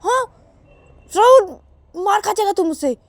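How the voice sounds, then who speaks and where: Woman voicing a young elder sister, shrill, very high, scolding, dry close sound. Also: steady tone, measured pace, dry recording. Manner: shrill, scolding, stammering when angry.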